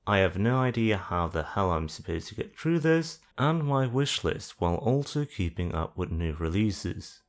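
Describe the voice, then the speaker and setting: This tutorial narrator has a lowish, sing-song voice, a moderate pace, and few pauses. He explains things on screen in a straightforward, dry manner, peppered with casual self-mockery.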